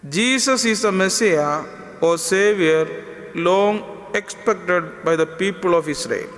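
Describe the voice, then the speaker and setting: A man, a priest, reading the gospel and preaching in a slow, measured, solemn way, his voice ringing in a large church with cathedral echo. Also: sits high, fairly bright tone. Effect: long cathedral-like reverb. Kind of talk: liturgical gospel reading and homily. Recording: echoey church hall with long reverb.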